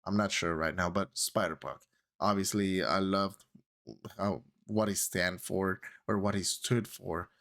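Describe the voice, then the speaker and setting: A man's voice: low voice, fairly even intonation, measured pace, fairly bright tone. Spanish-speaking man rambling about a movie. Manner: rambling, many fillers and self-corrections. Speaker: vlogger. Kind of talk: casual movie talk to camera.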